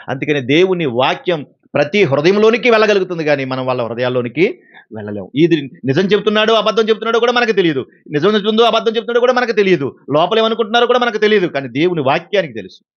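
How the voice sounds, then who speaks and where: Animated preacher man, muffled sound. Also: fairly high pitch, quick pace. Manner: animated, asks the congregation questions and acts out everyday exchanges. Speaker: pastor. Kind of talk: sermon. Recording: dull, lo-fi recording.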